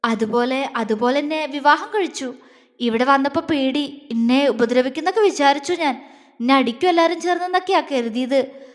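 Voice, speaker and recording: A woman's voice: sits high, moderate pace, big-room sound, lightly acted. A woman voicing a young wife in a romance story, confiding her feelings in a tearful, heartfelt way.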